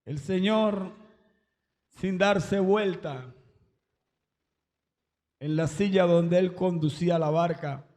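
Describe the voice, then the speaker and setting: A man's voice: sits high, slow pace, pauses often, a little mellow, in a large hall. A man giving an emotional religious testimony at a church service, breaking into exclamations of praise.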